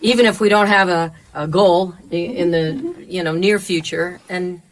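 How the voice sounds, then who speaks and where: A woman's voice: on the low side, moderate pace, low-quality recording. A woman giving casual, enthusiastic interview answers as a member of a band.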